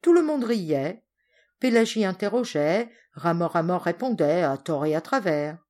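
Low-voiced woman narrating a storybook. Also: lively intonation, a little slow, darkish tone. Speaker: volunteer audiobook reader.

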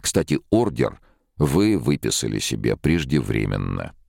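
Guy doing a tired sardonic emigrant man, super deep gravelly voice, audiobook. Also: very animated, unhurried, darkish tone, dry recording, studio quality, exaggerated voice. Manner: blunt, sardonic. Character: weary defiant émigré man, middle-aged. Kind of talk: audiobook character voice.

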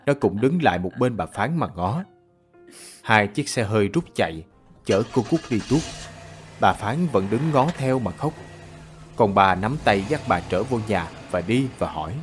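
A low male narrator, reading, telling the story in an even, measured way. Faint music plays behind his voice. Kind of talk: radio drama narration.

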